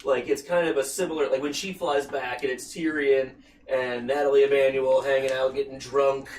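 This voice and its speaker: A man's voice: mid-range voice, little pitch movement, moderate pace, darkish tone, distant mic. A man co-hosting a casual podcast chat, rambling and laughing often. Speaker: podcast co-host. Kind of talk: casual chat reviewing a TV episode. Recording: roomy, from off the mic, faint noise.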